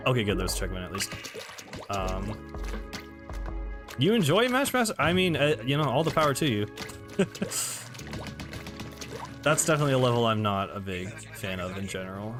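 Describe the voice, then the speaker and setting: A man's voice: medium pitch, big pitch swings, normal speed, long pauses. A man streaming a game, chatting casually in a rambling way with restarts and laughs. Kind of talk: casual gameplay commentary. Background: game music.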